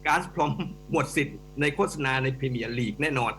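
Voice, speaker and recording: A middle-aged man, an economics professor, giving animated, emphatic commentary as a guest on a radio talk show and addressing the hosts directly. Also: medium pitch, moderate pace. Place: radio studio. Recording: radio studio with faint mains hum.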